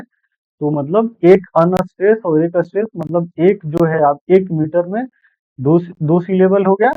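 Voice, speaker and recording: A man's voice: high voice, no echo. A man teaching an exam-prep literature lecture, repeating key points and correcting himself as he goes. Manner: explains in Hindi mixed with English terms, repeats points, self-corrects. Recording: dry, phone-like tinny sound.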